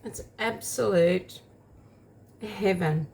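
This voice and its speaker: Woman, home baking vlogger; casual, rambling, slow delivery, talks with mouth full. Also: mid-range voice, creaky, a little mellow, slight background noise. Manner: chatty, rambling, eats while talking. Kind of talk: casual taste-test vlog.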